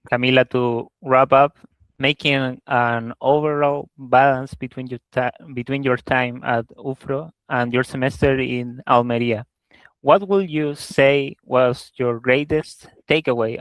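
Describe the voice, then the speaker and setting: A man asks interview questions in English. He speaks very slowly in a smooth, clear voice, in a measured way with small restarts, and the sound is dry and close. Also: mid-range voice, no room sound. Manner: measured, slightly halting questions.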